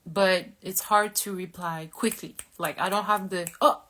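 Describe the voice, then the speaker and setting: A Korean woman in her thirties, a model who hosts live streams, chats candidly with viewers in a rambling, self-deprecating way. Her voice is lowish and a bit bright, with fairly even intonation and a slightly slow pace.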